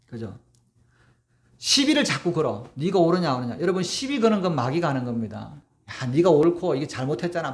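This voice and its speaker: Fast-talking gravelly male pastor. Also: a little high. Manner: conversational preaching, acts out quoted voices, asks "그죠?". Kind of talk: sermon.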